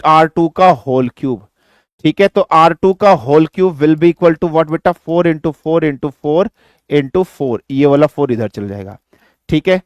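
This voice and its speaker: Higher-voiced male physics teacher, dry close sound. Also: lively intonation, dry recording. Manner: mixes Hindi and English, calls students "beta", asks and answers his own questions; slows down to dictate definitions word by word. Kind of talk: online exam-prep lecture.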